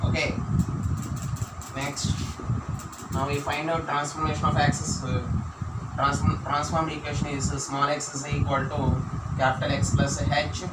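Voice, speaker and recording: A man with an Indian accent teaching mathematics as a classroom lecture, dictating key points and repeating phrases. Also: fairly high pitch. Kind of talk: classroom lecture for exam students. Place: echoey room, teaching at a board. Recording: roomy, distant microphone, noisy background hum.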